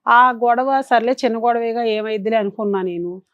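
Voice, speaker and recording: A woman's voice: fairly high pitch, fairly quick, smooth, no room sound, dull audio. A woman from Vijayawada telling her marriage troubles earnestly and plaintively as a talk show guest. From Vijayawada, India. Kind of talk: personal account on a talk show.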